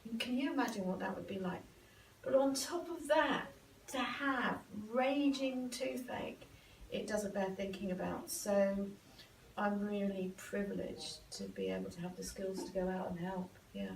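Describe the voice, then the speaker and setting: A woman's voice: medium pitch, animated, a little slow, gravelly, slight background noise. A woman dentist talking in an interview, heartfelt and emphatic. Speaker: dentist guest. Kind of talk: sofa interview. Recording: echoey room, mic far off.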